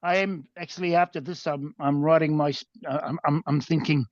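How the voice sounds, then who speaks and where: A man's voice: on the high side, fairly even intonation, brisk, dry recording. A man with a New Zealand accent, coaching as a guest presenter over a video call, earnest and often restarting his words. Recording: dull, dry lo-fi video call audio.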